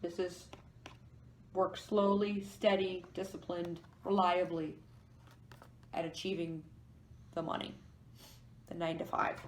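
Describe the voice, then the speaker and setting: A woman's voice: mid-range voice, a little hiss or hum. Woman doing a tarot reading, echoey room. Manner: musing, explains each card as she goes. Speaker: tarot reader. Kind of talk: pick-a-card tarot reading to camera.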